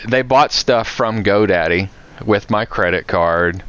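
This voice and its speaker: On a podcast, an American co-host who works in IT security spins anecdotes in relaxed conversation. His voice is on the low side, a little slow, a bit bright and clean in tone, captured with lo-fi sound.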